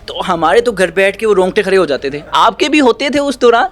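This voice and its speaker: A man hosting a podcast interview, who asks questions and keeps chiming in with quick praise. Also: high-pitched, big pitch swings, soft background music. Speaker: podcast host.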